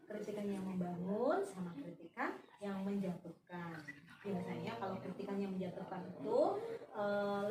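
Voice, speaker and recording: Woman, patient school counselor in a role-play; distant mic, roomy echo. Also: mid-range voice. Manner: patient, explaining step by step with examples. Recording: echoey room, far mic, noisy.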